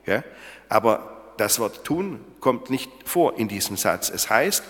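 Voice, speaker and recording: Man, sermon, asks listeners questions, slow delivery, long reverb. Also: lowish voice, sing-song, a bit bright. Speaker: preacher. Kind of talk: sermon on a Bible verse.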